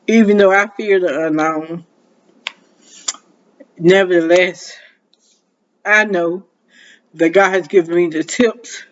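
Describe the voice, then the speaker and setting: A man, a minister, preaching motivationally to camera in a slow, drawn-out way, sighing often and calling his viewers "y'all". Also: high voice, highs cut off. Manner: slow, drawn-out delivery with frequent sighs, addressing viewers as y'all.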